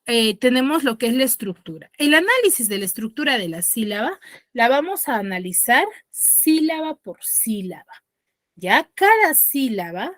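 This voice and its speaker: Peruvian woman teacher, patient and steady, higher pitch, dry close mic. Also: dry recording. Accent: Peruvian Spanish. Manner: patient, checks understanding with tag questions, slows on key terms. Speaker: school teacher. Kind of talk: online class lesson. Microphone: dry close mic, online class.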